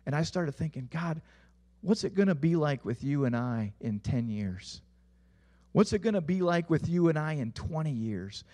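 A man preaches a sermon in an earnest, searching way, his voice a touch higher than most men's. He asks his listeners questions, and his phrases often sink low and quiet at their ends. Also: expressive, normal speed. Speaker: pastor.

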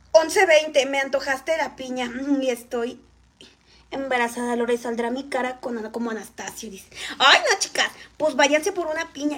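A woman's voice: sits high, fairly bright tone, breathy edge. A woman with a Mexican accent chatting to viewers while eating on a live stream.

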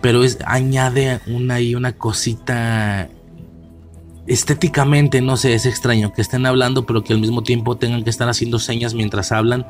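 A man's voice: mid-range voice, level tone, moderate pace, soft background music. A man with a Mexican accent giving a casual film commentary, rambling and slangy, with many fillers and restarts. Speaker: movie reviewer.

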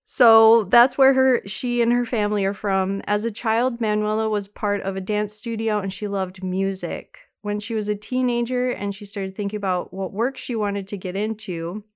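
A woman co-hosting a casual true-crime podcast, chatty, telling the story with quick asides. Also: medium pitch, steady tone, clean tone. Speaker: podcast co-host.

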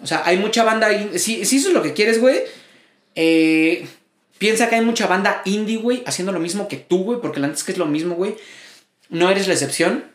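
A man's voice: sits high, fairly quick, echoey room. A man with a Mexican accent co-hosting a casual podcast chat, slangy and rambling, swearing freely. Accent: Mexican Spanish. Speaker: podcast co-host.

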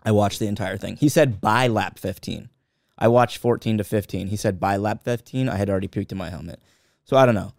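A man co-hosting a casual podcast, blunt and quick to swear, retelling things with animation. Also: fairly low pitch, no echo, clean studio sound. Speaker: podcast co-host. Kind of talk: casual chat.

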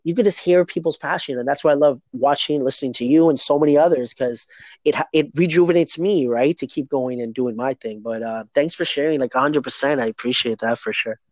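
On his daily podcast, this man talks briskly in a medium-pitched voice, recorded dry. His casual chat rambles, and he keeps asking "right?" after his points.

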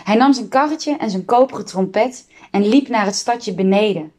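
A woman reading a children's book aloud, expressive and giving the characters their own voices. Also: mid-range voice, moderate pace. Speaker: reader.

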